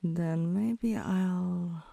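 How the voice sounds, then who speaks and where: In an intimate ASMR roleplay, a woman plays a teasing, softly dominant tomboy girlfriend, coaxing and commanding in a low voice that sometimes turns breathy. Her delivery is exaggerated and extremely slow, with no echo at all.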